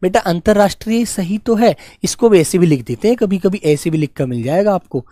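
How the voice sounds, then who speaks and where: A man with a high-pitched, warm voice teaches Hindi spelling in a live online class. He patiently repeats each word slowly and affectionately calls his students children. There's no echo.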